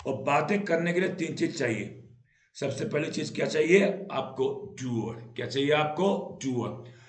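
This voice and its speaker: A man with an Indian accent teaching spoken English in Hindi, animated, asking and answering his own questions and acting out little scenes. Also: on the high side, a little slow. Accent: Indian, Hindi-speaking. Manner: acts out little scenes in different voices. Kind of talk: classroom-style lesson. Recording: echoey room.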